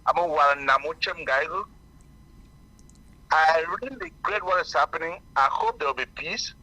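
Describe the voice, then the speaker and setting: Male caller on a car speakerphone, higher-pitched and very bright, halting delivery over a thin phone line. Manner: hesitant, many fillers and restarts. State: driving while talking. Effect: car speakerphone call. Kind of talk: call-in radio talk.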